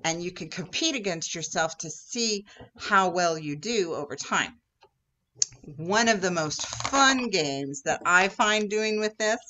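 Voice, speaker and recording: A woman's voice: on the low side, bright, forceful tone. A woman Girl Scout troop leader giving an upbeat instructional talk for children, sometimes acting out exchanges with customers. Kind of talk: instructional video for kids.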